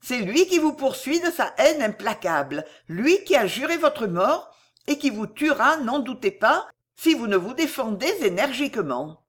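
A woman voicing a cold, scheming noblewoman who speaks slowly and solemnly, with a calm, implacable, insinuating tone. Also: on the high side, voice pushed up. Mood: coldly persuasive. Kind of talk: audiobook reading.

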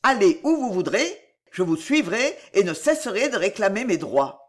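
A passionate young gentleman from an old novel, proud and pleading, speaking in earnest, declamatory phrases, voiced by a woman reader. His lines swing in pitch with feeling. This is an audiobook reading. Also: sing-song, normal speed.

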